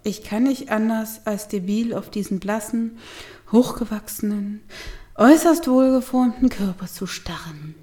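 A woman reading a comic first-person story aloud, wry and lively, with whispered asides. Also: medium pitch, unhurried. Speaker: audiobook narrator. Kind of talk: first-person comedic audiobook narration.

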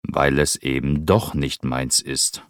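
A man's voice: a bass voice, slow, clear, resonant tone, dry recording, studio quality. A man doing a weary, bitter lord. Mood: resigned. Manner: curt, flat, resigned retorts. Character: weary, bitter aristocratic man, tired of life. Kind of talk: audiobook reading.

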